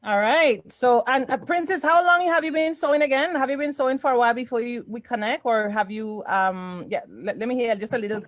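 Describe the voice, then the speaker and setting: Speaking fairly quickly and with few pauses, a woman with a fairly high pitch comes through on a dry recording. She's from Toronto, Canada, and hosts an online sewing group, chatting casually on a livestream from indoors on a group video call and often repeating short affirmations.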